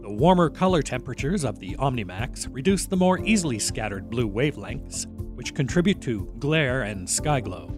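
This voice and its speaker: A man's voice: medium pitch, expressive, moderate pace, few pauses. A man reading a polished, scripted sponsor ad. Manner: polished and promotional. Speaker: ad reader. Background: music.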